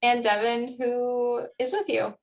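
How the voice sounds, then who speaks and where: A woman's voice: fairly high pitch, fairly even intonation, slow pace, gravelly, far from the mic. A young woman hosting a meeting, chatting casually and laughing, with plenty of fillers. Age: young adult. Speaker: meeting host. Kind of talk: casual video-call chat. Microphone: video call.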